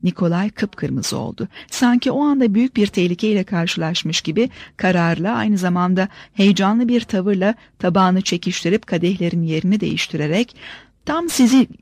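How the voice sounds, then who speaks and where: A woman narrating an audiobook in a steady, measured reading. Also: on the low side, dry recording. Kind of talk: scripted narration.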